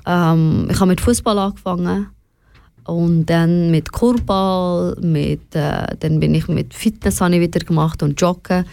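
A young woman from Switzerland, of Afghan family, speaks candidly and reflectively as an interview guest, with a Swiss German accent and the odd English word mixed in. Her voice is fairly low, gravelly and warm, at a measured pace, and the conversation is personal.

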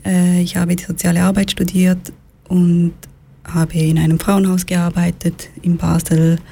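A young Swiss woman, a social worker and counselor, calmly explaining things as a radio guest. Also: lowish voice, a little slow, vocal fry, slightly rough. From Switzerland. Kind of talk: radio talk show guest.

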